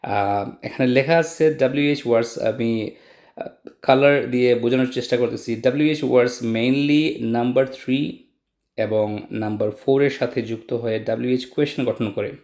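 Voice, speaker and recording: Guy teaching english online, slow example sentences, roomy echo. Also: medium pitch, a little mellow. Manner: explains step by step, models English sentences slowly with rising questions. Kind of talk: online lesson.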